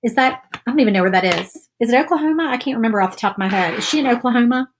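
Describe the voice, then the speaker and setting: Rapid-fire and fairly high-pitched, a craft vlogger in her thirties from Virginia talks with a light Southern accent while painting and reading comments live. She's chatty and friendly, reasoning aloud, captured by a nearby phone or camera over background noise.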